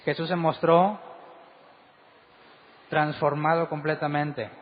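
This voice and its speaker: A man's voice: fairly high pitch, flat delivery, slow. A man preaching a sermon as pastor, asking the congregation one rhetorical question after another. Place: church hall. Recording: dull recording with long hall reverb.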